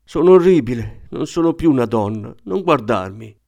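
A man's voice: mid-range voice, expressive, normal speed, creaky, a little mellow, no room sound, voice pushed up. A man reading an audiobook, voicing a fragile, grieving younger sister who pleads in distress.

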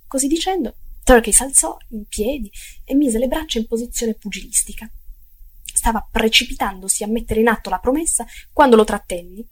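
A woman narrating a literary audiobook in a measured, expressive way, some phrases dropping nearly to a whisper. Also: fairly high pitch, slight background noise.

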